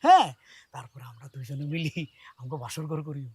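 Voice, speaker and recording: Casting note: eager village groom, high, quick, very animated delivery. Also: male voice, no echo. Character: excitable newly married village man, boastful.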